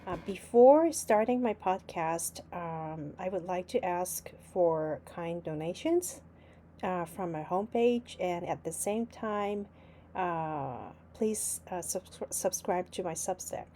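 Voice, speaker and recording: A woman hosting her own podcast, speaking haltingly with many fillers over a call. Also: lowish voice, mellow, a little hiss or hum. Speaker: podcast host. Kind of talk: podcast interview.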